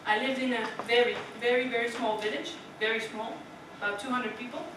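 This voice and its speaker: Heard from afar in a reverberant, noisy meeting room, a young Dutch club speaker with a fairly high, fairly even voice moves briskly through a prepared speech. She keeps it chatty, asks her listeners questions, and frequently says "right?".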